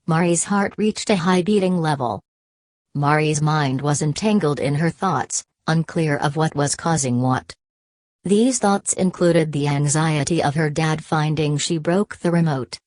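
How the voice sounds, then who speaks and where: Low-pitched woman narrating a story. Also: a little mellow, dry recording. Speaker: audiobook narrator. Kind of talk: scripted narration of a superhero story.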